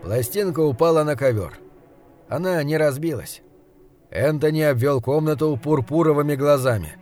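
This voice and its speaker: Male narrator, measured reading, slightly raised voice, faint music behind. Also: on the high side. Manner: measured, even storytelling. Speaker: audiobook narrator. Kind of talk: scripted narration.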